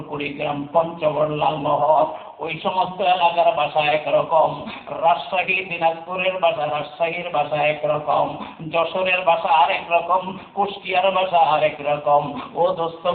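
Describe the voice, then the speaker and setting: A man preaching an Islamic sermon, building rhythmic repeated refrains that rise into loud sing-song peaks. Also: fairly high pitch. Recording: echoey, phone-like tinny sound.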